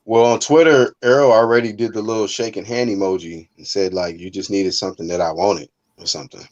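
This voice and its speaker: A man's voice: on the low side, steady tone, a little fast, darkish tone, muffled recording. A man co-hosting a casual boxing chat, speaking in slang and offering confident fight predictions. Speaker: boxing podcast co-host.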